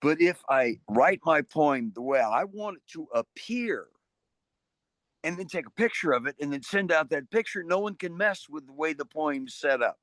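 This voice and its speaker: A man's voice: a little high, moderate pace, no room sound. An older man, an interview guest, telling stories in a casual, rambling way and often restarting his sentences. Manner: rambling, restarts often, animated voices in anecdotes.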